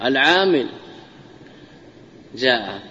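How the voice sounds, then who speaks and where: A man giving a classical Arabic grammar lesson as a sheikh, speaking deliberately and repeating key phrases to drive definitions home. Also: mid-range voice, sing-song, sharp tone, breathy edge. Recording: muffled lo-fi lecture audio with long hall reverb.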